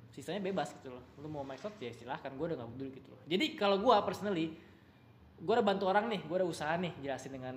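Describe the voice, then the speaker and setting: A man's voice: fairly high pitch, roomy sound, a little hiss or hum. A man who works as a strength coach, talking bluntly and animatedly in a casual discussion, mixing in English phrases.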